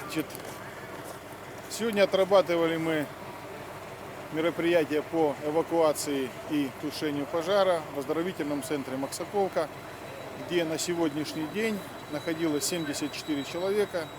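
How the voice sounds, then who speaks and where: A man speaking as a fire service official in an interview, halting and formal, with many filler words. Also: a little high. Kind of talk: interview explanation of a drill. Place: outdoors near fire vehicles. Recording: outdoor recording with vehicle noise.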